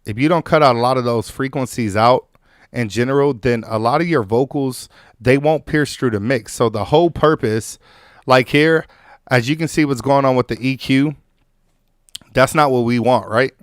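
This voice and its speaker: A man hosting a music production tutorial in a loose, conversational way, full of fillers and restarts, his voice still a little hoarse from an illness. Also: medium pitch, normal speed, no room sound, studio quality. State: recovering from illness, slightly hoarse. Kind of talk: casual on-screen tutorial.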